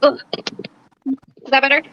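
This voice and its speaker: A woman's voice: little pitch movement, a little slow, slight background noise. A woman chatting casually on a call while lying in bed, her voice coming through muffled. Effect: muffled bass-heavy call audio. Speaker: guest caller. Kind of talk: casual chat. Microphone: phone on a video call.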